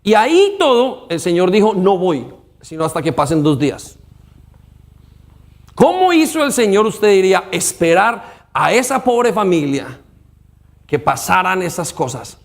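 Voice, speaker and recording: A man's voice: high-pitched, sing-song, measured pace, vocal fry. A man pastor preaching an emphatic sermon in a church, with call-and-response to the congregation.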